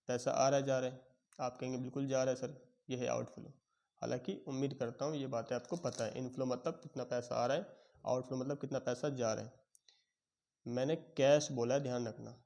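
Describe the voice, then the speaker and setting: A male accounting teacher lectures patiently, going step by step and checking that his students follow. His voice is warm and mellow at an ordinary pitch. A sore throat has him clearing it now and then. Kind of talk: classroom lecture.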